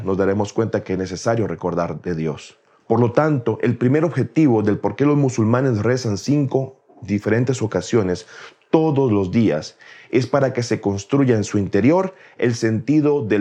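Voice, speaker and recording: A man giving a calm, measured explanatory talk on faith, speaking reflectively and addressing the listener directly. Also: fairly low pitch.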